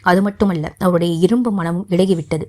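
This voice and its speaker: Woman narrating a historical novel. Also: on the low side. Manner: steady, measured storytelling. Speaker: audiobook narrator. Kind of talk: scripted narration.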